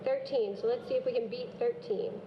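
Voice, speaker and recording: A woman from a school program narrating a video and coaching students in an encouraging, gently corrective way. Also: fairly high pitch, steady tone, a little fast, noisy background. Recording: dull lo-fi video audio with music. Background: background music.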